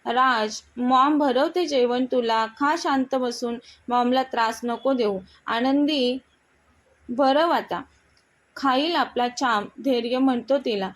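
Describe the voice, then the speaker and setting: A tender young husband speaks softly and coaxingly, read by a woman narrator. The voice sits a little high. He sounds gentle and affectionate. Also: slow pace.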